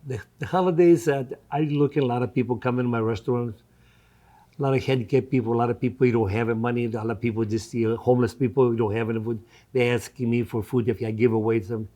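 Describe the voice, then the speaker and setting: He's in his seventies, from Greece, and runs a restaurant, answering interview questions in non-native English with a Greek accent. His soft, mellow voice sits at a middle pitch with fairly even intonation, and he talks fast. Conversational, he tends to repeat his phrases.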